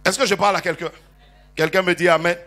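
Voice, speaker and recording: A man preaching a sermon as bishop, calling on the congregation to answer amen, teasing them with jokes and rising to loud prophetic declarations. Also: high-pitched, quick pace. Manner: animated preaching with call-and-response.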